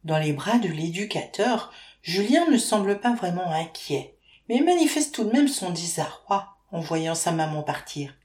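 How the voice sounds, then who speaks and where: A woman narrating an audiobook in a steady, even storytelling manner. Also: lowish voice, measured pace. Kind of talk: scripted narration. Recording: roomy echo.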